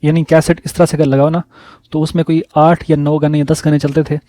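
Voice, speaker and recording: A man telling personal stories in a casual vlog, relaxed and repeating words for emphasis. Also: a little high, dry recording. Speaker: vlogger.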